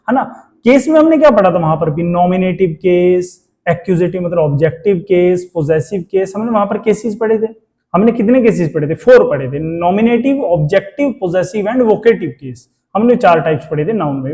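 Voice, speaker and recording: A man teaching an English grammar lecture in Hindi, asking the class rhetorical questions and reading English phrases out slowly. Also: high-pitched, warm tone.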